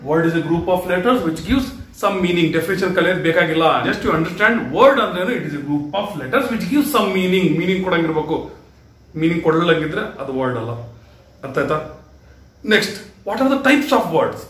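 A man with a Kannada accent teaching basic English grammar step by step. He slides between Kannada and English and keeps checking that his students understand. His fairly high voice comes from a distance in an echoey room. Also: lively intonation, moderate pace, fairly bright tone. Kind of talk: spoken classroom lesson.

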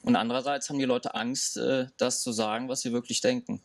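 A man's voice: mid-range voice, fairly even intonation, fairly quick, gravelly, dry recording, recorded from a distance. A man in his thirties being interviewed outdoors in woods, arguing his point emphatically. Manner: emphatic, argumentative.

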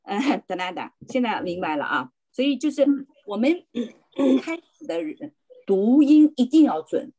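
A woman's voice: mid-range voice, big pitch swings, moderate pace, warm tone, highs cut off. A woman teaching a beginner language class over a video call, patiently correcting pronunciation and checking that students follow. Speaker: volunteer Spanish teacher.

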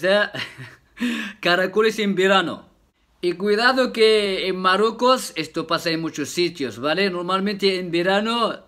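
A man's voice: high-pitched, a bit bright. Laughing, jokey man. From Morocco. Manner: jokey, laughs often, tag questions. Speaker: YouTuber. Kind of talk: casual vlog talk to viewers.

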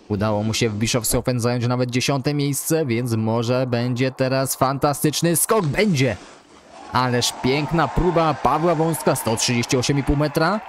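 A man commentating a ski jumping game in the style of a live broadcast, calling distances and scores and getting loud and excited on good jumps. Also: medium pitch, slight background noise. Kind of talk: sports-style play-by-play commentary.

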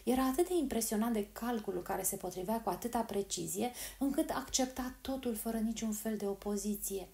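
A woman narrating a storybook in a calm, measured reading voice. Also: fairly high pitch, vocal fry. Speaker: audiobook narrator.

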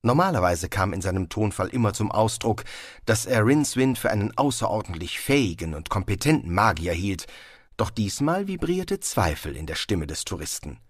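A man narrating an audiobook in a dry, measured storytelling manner. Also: lowish voice, very animated, breathy edge, no room sound. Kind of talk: scripted narration.

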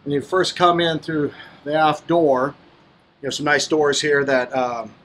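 A man's voice: on the high side, a little slow, slight background noise. Man touring a boat on camera. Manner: relaxed, talks to viewers while walking around. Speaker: yacht broker giving a boat tour. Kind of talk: casual walkthrough narration. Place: on a boat, outdoors then in the cabin.

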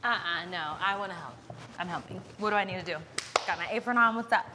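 A woman's voice: fairly low pitch, quick pace, noisy background, close to an everyday voice. An actress in a web series drama, playing a playful young woman scheming over her wedding on a dating show.

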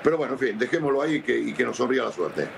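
A man's voice: mid-range voice, expressive, very fast, vocal fry, background noise. A man giving live match analysis as a football pundit, insistent and repeating his phrases.

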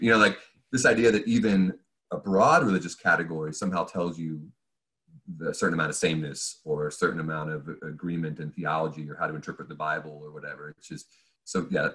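With a bass voice that's steady, bright, and forceful, a professor of philosophy and religious studies talks at a quick pace as a podcast guest. He reasons conversationally and discursively, posing imagined questions aloud.

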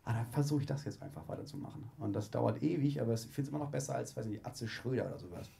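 Warm and creaky at medium pitch, this young man's voice carries a quick, self-deprecating, wry onstage chat. He's a guest comedian on a small living-room stage with a handheld mic, performing quoted voices for the audience.

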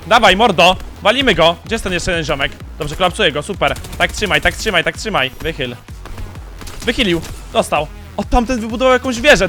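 A young man from Poland giving excited commentary over his own game, with sudden shouts and quick muttered asides. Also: a little high. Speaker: gaming YouTuber.

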